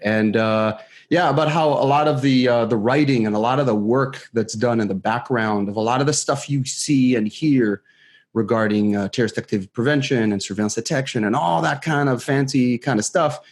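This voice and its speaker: A man's voice: medium pitch, a little fast. A man from Israel, a security expert guest, talking casually in an interview with many fillers and restarts, recorded at home in his kitchen on a studio mic. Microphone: studio microphone.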